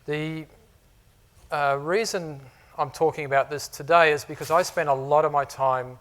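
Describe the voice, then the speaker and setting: At a normal speed, a middle-aged man with a fairly high, steady and fairly bright voice gives a conversational conference presentation to customers. A technology architect with a New Zealand accent mixed with Australian, he speaks in a conference room before a live audience and uses many "you know"s and "uh"s.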